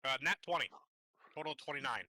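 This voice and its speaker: A man playing a tabletop game, making quick offhand remarks. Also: on the high side, bright, forceful tone, no echo, studio quality. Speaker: player. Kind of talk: casual tabletop game chat.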